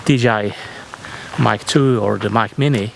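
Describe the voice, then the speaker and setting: A man vlogging outdoors on an on-camera microphone with wind hitting it, speaking unscripted in a hesitant, halting way. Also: lowish voice, gravelly. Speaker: vlogger testing camera gear. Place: outdoors near the ocean. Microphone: on-camera shotgun microphone. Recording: strong wind on the mic, outdoors.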